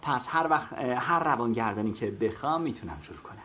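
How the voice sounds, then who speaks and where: A man's voice: mid-range voice, expressive, sharp tone. A man dubbing a cocky young man who talks in casual, joking slang. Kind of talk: dubbed drama dialogue.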